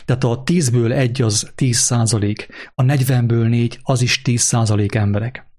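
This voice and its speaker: A man's voice: mid-range voice, steady tone, darkish tone. A man preaching a sermon and driving his points home with repetition and hesitant fillers. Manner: emphatic, repeating points, fillers. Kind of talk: sermon with story reading.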